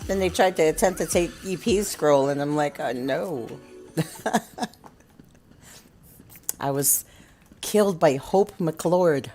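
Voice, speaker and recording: Low-voiced woman streaming games casually. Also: measured pace, warm tone, faint music behind. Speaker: game streamer. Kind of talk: casual livestream chat.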